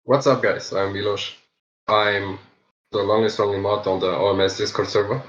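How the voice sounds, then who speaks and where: A man in his twenties chatting as a podcast guest, loud and upbeat. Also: on the low side, flat delivery, normal speed. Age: 20s. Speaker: podcast guest, server moderator. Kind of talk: casual chat. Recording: dull lo-fi call audio.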